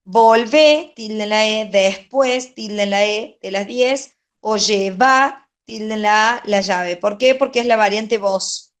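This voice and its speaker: Patient teacher, unhurried, mid-pitched woman going over exercises. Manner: patient, checks in with "¿sí?". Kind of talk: grammar lesson, going over answers. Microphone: online class.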